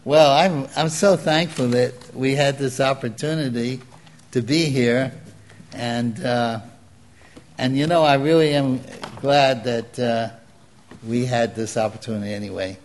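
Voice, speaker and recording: An older man with a Brooklyn accent preaching an informal sermon to a congregation in a conversational, unhurried way with pauses. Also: mid-range voice.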